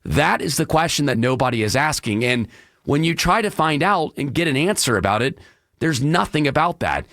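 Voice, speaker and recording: A male radio talk show host with a hoarse, congested, frog-throated voice, projecting hard from the diaphragm in an emphatic, opinionated solo monologue from a radio studio. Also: big pitch swings, normal speed, a bit bright, no echo. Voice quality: deeper than usual, frog-throated.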